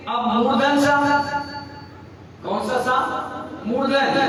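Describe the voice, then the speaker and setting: A man, a Jain monk, leading a slow pronunciation lesson and having his audience repeat each word after him. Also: high voice, fairly bright tone, a little hiss or hum. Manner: slow drilling, asks the audience to repeat words. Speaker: Jain monk teaching a class. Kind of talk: pronunciation lesson with call-and-response. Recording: echoey hall, far from mic, crowd.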